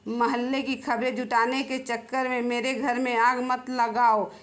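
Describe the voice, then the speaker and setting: A woman's voice: a little high, little pitch movement, unhurried, fairly bright tone. A woman voicing a stern, scolding older mother-in-law in a storybook tale. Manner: harsh, scolding.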